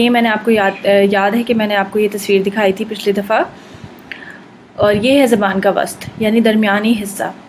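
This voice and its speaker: A woman teaching a recitation lesson, explaining patiently and drawing out model syllables slowly. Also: medium pitch, a little hiss or hum, low-quality recording.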